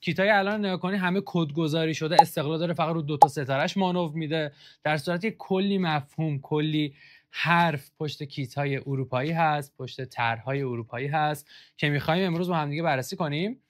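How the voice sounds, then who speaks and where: A young man hosting a casual football kit review, joking and sarcastic as he reads out comments. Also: fairly high pitch.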